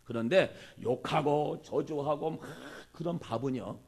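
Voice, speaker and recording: A man preaching a sermon as a pastor, animated and acting out the people he quotes. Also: fairly high pitch, unhurried, husky. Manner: animated, acts out quoted speech.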